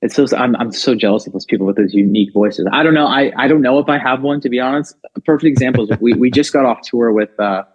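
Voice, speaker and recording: A rock band singer guests on a podcast, chatting casually and animatedly with a quick pace and hardly any pauses. His medium-pitched voice has a breathy edge and he's talkative, full of fillers and restarts. The sound is dull and lo-fi.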